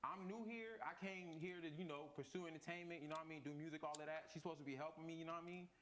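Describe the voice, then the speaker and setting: Young man, quick, stammering, defensive, somewhat high voice. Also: steady tone, a bit bright, a little hiss or hum. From Miami. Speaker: defendant on a TV court show.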